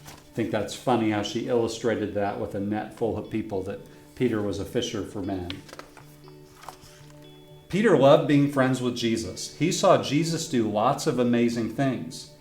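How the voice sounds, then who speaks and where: A professor reads aloud from a children's book he wrote himself, his voice medium in pitch, darkish in tone and at a normal speed. He plays a friendly storyteller who asks young listeners questions, and the roomy, echoing recording carries faint guitar music.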